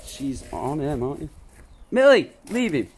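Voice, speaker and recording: A man filming at home, talking to his dogs in a coaxing, excitable way and laughing often. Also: a little high, measured pace, husky. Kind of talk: casual home video chat. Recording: noisy home video.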